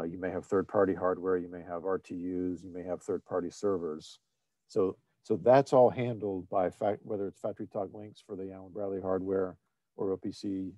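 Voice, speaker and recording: Halting man presenting a technical webinar. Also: deep voice, warm tone, dry recording. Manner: halting, many fillers and restarts. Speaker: presenter of an online technical seminar. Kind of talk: screen-shared webinar presentation.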